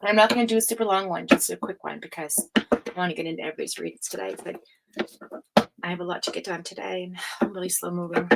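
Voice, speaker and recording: A woman's voice: fairly low pitch, fairly even intonation, fast, gravelly, heavy background noise. A tired woman hosting a casual tarot livestream, chatting with viewers and reading cards aloud, her speech a little slurred from a sore jaw. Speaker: tarot reader, livestream host.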